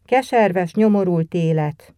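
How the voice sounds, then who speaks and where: A woman reading aloud and voicing a little girl who plays a frightened wife, pleading slowly and tearfully. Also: lowish voice, warm tone, smooth, dry recording, lightly acted.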